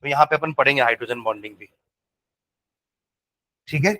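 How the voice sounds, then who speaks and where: A male chemistry teacher lecturing a class, asking students again and again whether they follow and dictating notes slowly, with phrases. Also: medium pitch, pushed and bright, no echo.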